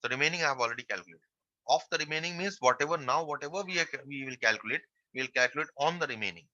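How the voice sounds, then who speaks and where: A man's voice: fairly high pitch, rapid-fire, bright, forceful tone, no echo, muffled recording. A man teaching a math class online, working through a percentages problem step by step and repeating the key phrases.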